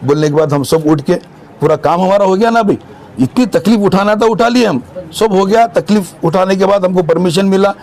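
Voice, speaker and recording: A man, speaking up for market vendors in a street interview. His voice sits high, and he talks with heated, emphatic insistence. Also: normal speed, a little mellow. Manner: agitated, emphatic complaint.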